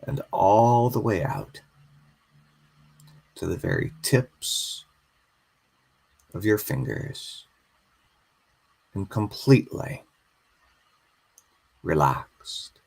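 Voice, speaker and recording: Deep gravelly guy doing a hypnosis induction, super slow and soothing. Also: very animated, a little mellow. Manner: slow, soothing, drawn-out repetition.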